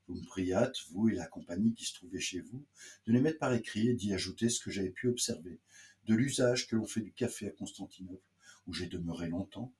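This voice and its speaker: A man's voice: lowish voice, darkish tone. A man hosting a literary stream, reading book excerpts aloud and adding hesitant, casual comments with many fillers and restarts.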